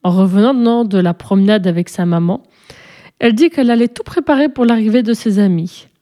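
A woman reading a children's story aloud in a gentle, measured way. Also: mid-range voice. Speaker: narrator.

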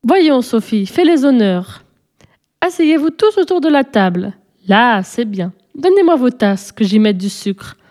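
A woman's voice: a little high, lively intonation, measured pace, darkish tone. A woman doing a proud little girl. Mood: bossy.

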